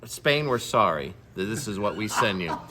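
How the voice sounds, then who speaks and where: A man hosting a casual football picks show, loud and joking as he runs through the games. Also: on the low side, animated, normal speed. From Florida. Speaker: podcast host. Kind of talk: casual chat.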